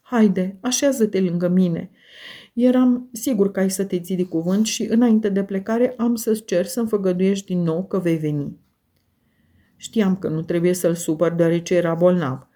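A woman reading a novel aloud in first person, telling the story in a measured, expressive way. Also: medium pitch. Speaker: audiobook narrator. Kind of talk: first-person audiobook narration.

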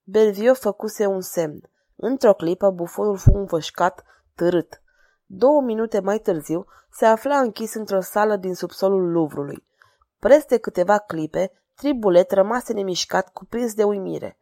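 A woman's voice: medium pitch, no echo. Woman narrating an audiobook, dry close sound. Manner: expressive, theatrical reading.

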